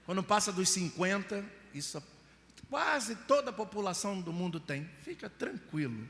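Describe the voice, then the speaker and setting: A man's voice: high voice, very animated, moderate pace. A middle-aged Brazilian man preaching a sermon, telling personal stories and acting out scenes with voices and mock crying. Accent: Brazilian Portuguese. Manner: storytelling, acts out scenes with mock crying and voices, rising to shouts. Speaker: pastor. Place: church hall. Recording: live church hall with reverb.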